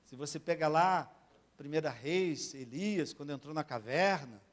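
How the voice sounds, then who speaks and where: A high-pitched man preaches slowly and deliberately, as a pastor giving a sermon in church. He drops to near-whispers, then climbs loud again, and keeps calling on his listeners to say amen. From Brazil. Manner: keeps asking the congregation for amens, swings between soft and loud.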